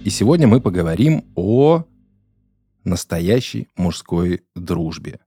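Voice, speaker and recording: A man's voice: deep voice, very animated, slow, loud music behind the voice. A man around forty hosting a casual studio podcast, blunt and joking, with crude slang. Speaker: podcast host.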